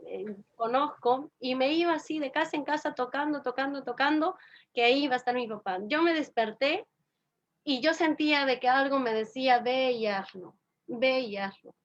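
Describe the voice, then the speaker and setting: A woman's voice: sits high, muffled recording. A woman with a Peruvian accent giving an earnest religious personal testimony, repeating phrases for emphasis. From Peru.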